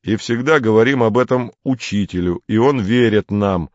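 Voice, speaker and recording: A man doing a calm, firm teenage boy. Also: lowish voice, moderate pace, no room sound, muffled recording, lightly acted.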